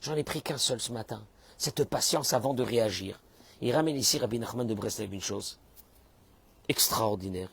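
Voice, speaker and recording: A man preaching a sermon in as a rabbi, acting out the people he quotes and suddenly bursting into shouts. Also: medium pitch, normal speed, creaky, slightly rough. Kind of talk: animated sermon.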